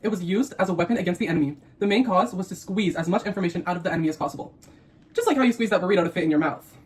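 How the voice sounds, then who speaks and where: A woman's voice: lowish voice, very fast. A young woman co-hosting a video, switching between scripted facts and snippy, playful teasing. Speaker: co-host of a mukbang video. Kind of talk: scripted explainer mixed with playful banter.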